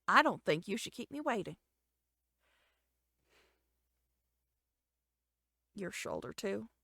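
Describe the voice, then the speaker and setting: A cold, possessive young man from a romance game speaks low and controlled, his threats quiet and even, as a woman acts him out. The voice carries a gravelly edge and sits close and dry on the mic. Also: a little fast, no echo, exaggerated voice. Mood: cold, commanding. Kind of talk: game dialogue voice acting.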